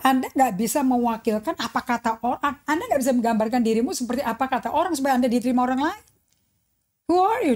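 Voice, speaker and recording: A middle-aged woman pastor preaching with a slightly high voice. She switches into English now and then and acts out quotes with lively swings of tone. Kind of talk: sermon.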